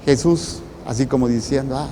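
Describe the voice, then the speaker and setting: Male priest, Mexican accent, mellow tone, deliberate phrasing, long reverb and faint noise. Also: medium pitch. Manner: deliberate, in short broken phrases with pauses. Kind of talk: preaching a sermon.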